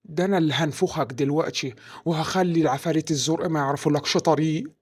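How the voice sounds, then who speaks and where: A woman's voice: sits low, fast, a little mellow, husky. A woman playing a blustering, pompous father with an Egyptian accent who insults his son while tutoring him and mangles English words. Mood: exasperated. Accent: Egyptian Arabic. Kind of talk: comedy sketch acting.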